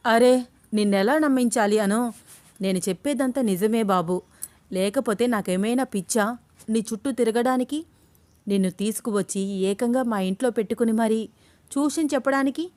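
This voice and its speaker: A woman's voice: on the high side, moderate pace, darkish tone, close to an everyday voice. A woman voicing an earnest young man, a tutor in love, in a read-aloud audio story, pleading and insistent.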